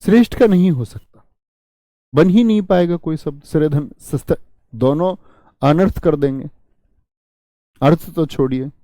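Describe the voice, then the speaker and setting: A man teaches a live online grammar class, patiently repeating key words and answering students by name. His voice sits a little high but sounds mellow and warm. The recording is dry, with no room echo. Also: measured pace, pauses often.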